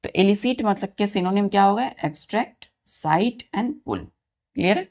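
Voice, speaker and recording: A woman's voice: medium pitch, lively intonation, normal speed, a little mellow. A woman teacher teaching English vocabulary to students, spelling words letter by letter and repeating each meaning while asking the children whether they follow. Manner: asks the children questions and checks they follow. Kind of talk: vocabulary lesson for exam students.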